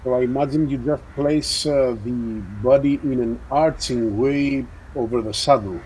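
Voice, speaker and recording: A man narrating a tabletop role-playing game as game master, measured and descriptive. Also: medium pitch, fairly even intonation, darkish tone, a little hiss or hum, low-quality recording.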